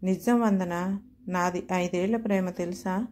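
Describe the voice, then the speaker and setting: Woman narrator doing a confident young male suitor, breezy and teasing, mellow, light touch. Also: lowish voice, fairly even intonation, a little slow, a little hiss or hum, lightly acted. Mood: earnest.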